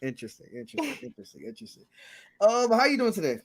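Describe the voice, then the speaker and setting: A man's voice: extremely high pitch, big pitch swings, rapid-fire, creaky. A man hosting a show in playful, slangy, casual talk, repeating phrases for emphasis. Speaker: show host. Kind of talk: casual chat, animated storytelling.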